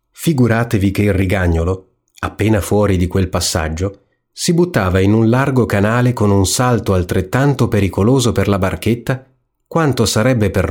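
A man narrating a classic fairy tale aloud in a calm, measured voice. He has a slightly lower pitch than most men, and he tells the story at an unhurried pace.

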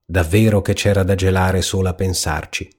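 Male fairy-tale narrator, low husky voice, calm and measured. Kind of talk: storybook reading.

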